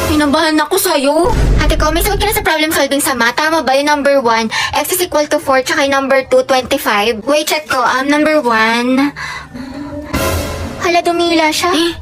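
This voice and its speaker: Young woman, high voice, gossipy sketch comedy over background music. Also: moderate pace. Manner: chatty, gossipy Taglish banter. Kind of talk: comedic sketches playing classmates.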